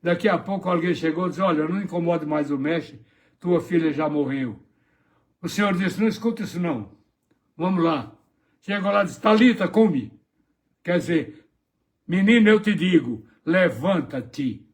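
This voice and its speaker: A man's voice: fairly high pitch, animated, normal speed. A man preaching a morning devotional sermon as a pastor, retelling gospel scenes dramatically and acting out the voices in them.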